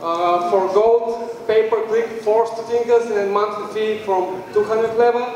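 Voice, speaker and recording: Giving a live pitch on behalf of his startup team, a young Bulgarian man with a high, slightly mellow voice talks at a measured pace with fairly even intonation. He holds a handheld mic in an indoor event room with a stage area, but the far camera recording makes the audio dull, very echoey, distant, and faintly noisy.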